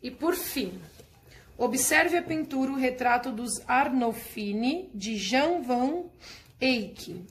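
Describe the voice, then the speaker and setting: A woman teacher walking her class through a workbook lesson in a patient, explanatory way, checking in with her students often. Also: on the high side.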